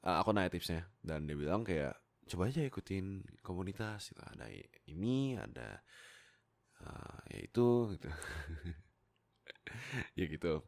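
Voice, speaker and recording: With a low, creaky voice, big pitch swings and an unhurried pace broken by frequent pauses, a young Indonesian man talks to his followers over a close USB microphone. He is an amateur voice actor and content creator telling casual, giggly, self-deprecating stories about his voice work.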